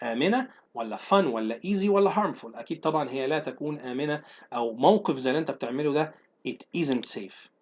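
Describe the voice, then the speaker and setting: A man with an Egyptian Arabic accent teaching English exam questions. He reads the English slowly, explains quickly and asks rhetorical questions. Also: a little high. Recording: dull lo-fi recording.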